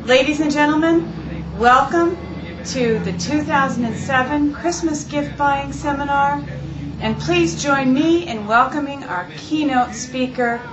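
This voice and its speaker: A woman announcing and introducing a seminar's keynote speaker with slow, emphatic phrasing. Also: high-pitched, background noise. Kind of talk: formal announcement. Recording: echoey, muffled, music behind.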